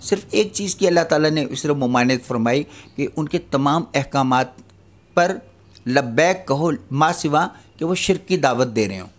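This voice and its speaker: A man's voice: a little high, lively intonation. An older man giving an earnest religious lecture, admonishing his listeners and posing rhetorical questions. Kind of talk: Islamic lecture on parenting.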